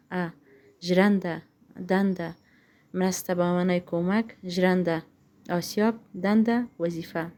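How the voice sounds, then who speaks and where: A woman's voice: medium pitch, warm tone. A woman teaching a language lesson, reading example words one at a time and explaining them with frequent fillers. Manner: reads each term slowly one by one, then translates with many fillers.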